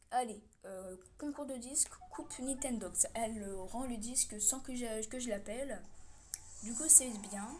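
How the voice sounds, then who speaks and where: A young woman casually commentating her own pet game, cheering loudly at her virtual dog and swearing when she loses. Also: a little high, a little hiss or hum. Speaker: gaming vlogger.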